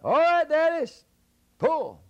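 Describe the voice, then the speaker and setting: A man doing high hollering trickster Jack. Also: lively intonation, normal speed, dull audio, natural voice. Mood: cocky, hollering. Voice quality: high, shouting, boastful drawl. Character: clever young trickster boy Jack.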